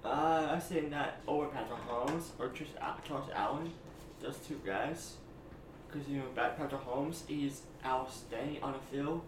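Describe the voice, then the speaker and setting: A man's voice: mid-range voice, normal speed. A man chatting casually about sports as a podcast co-host, his articulation thick and muffled as if his mouth were full of peanut butter. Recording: distant, echoey room with clear noise.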